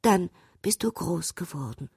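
A woman voicing a fussy, distracted adult queen who talks in a gentle, mildly scolding way. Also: fairly low pitch, lively intonation, unhurried, gravelly, breathy edge, dry recording, studio quality, heavily acted. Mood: soothing.

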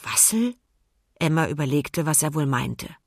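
Woman reading a kids story, low and a bit husky, really dry close sound. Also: normal speed, no room sound. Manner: calm, expressive storytelling. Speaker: narrator. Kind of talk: children's audiobook reading.

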